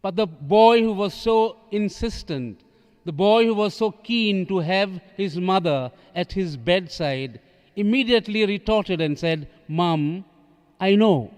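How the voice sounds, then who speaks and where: A man, a priest reading the gospel and preaching in a measured, solemn way, his voice echoing through a large basilica. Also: high voice, darkish tone. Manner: slow, measured, solemn delivery. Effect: cathedral echo. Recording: long reverb from the church hall.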